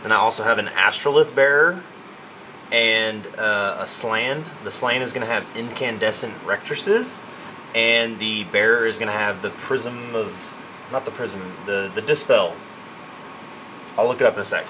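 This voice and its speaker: Lowish male gamer over noisy room hum. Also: moderate pace. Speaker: player presenting his tabletop army. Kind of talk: casual list rundown.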